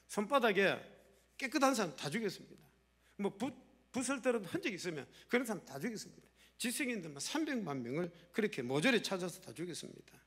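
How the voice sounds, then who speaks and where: A man's voice: a little high, vocal fry, husky. A man preaching a Sunday sermon as pastor, telling stories and acting out quoted lines. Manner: storytelling with acted quotes.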